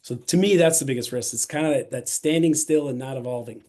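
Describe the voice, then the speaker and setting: A middle-aged man talking as a podcast guest in a casual, energetic and enthusiastic way, often restarting his sentences. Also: medium pitch, fairly quick. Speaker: podcast guest, self-storage investor. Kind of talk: casual interview talk.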